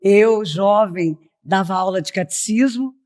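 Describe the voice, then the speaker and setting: In a mid-range, slightly mellow voice and at a measured pace, a middle-aged woman shares her personal testimony. She is a missionary from Piracicaba, São Paulo state, Brazil, speaking as a podcast interview guest and often checking in by saying "né?".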